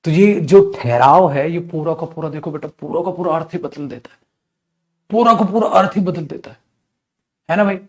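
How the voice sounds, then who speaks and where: A man with a slightly high voice teaches a live online class, energetic in delivery. Calling his students "beta", he raises questions and answers them, then slows down to spell out English example sentences.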